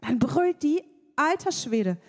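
A woman giving a lively, playful sermon, acting out voices as she preaches. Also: high-pitched, slow pace. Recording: reverberant hall.

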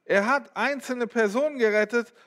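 A man preaching with an unusually high voice. His sermon is loose and conversational. He keeps turning to his listeners with short questions and asides. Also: fairly bright tone. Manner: addresses listeners directly with quick asides.

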